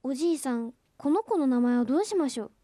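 A woman voicing a gentle old grandma. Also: high voice, animated, fast talker, no echo, studio quality. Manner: soft and polite.

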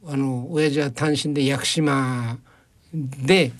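A man's voice: mid-range voice, steady tone, takes it slowly. A man as a guest journalist on a radio interview, telling anecdotes chattily and slipping into quoted voices and regional dialects. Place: radio studio.

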